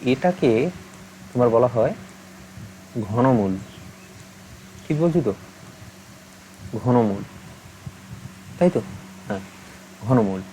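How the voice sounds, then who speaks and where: A young man gives a recorded maths lesson in a soft, mellow voice. He explains patiently and keeps asking whether the listener has understood. A faint noise runs under the recording. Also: medium pitch, animated, measured pace, pauses often, low-quality recording. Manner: patient, asks many check-in questions. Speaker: maths teacher.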